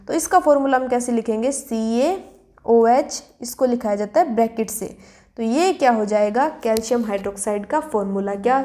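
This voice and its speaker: A woman teaching a chemistry lesson. She poses questions and answers them herself, and she slows down to spell out formulas letter by letter. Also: a little high, a little mellow. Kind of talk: classroom lesson explanation.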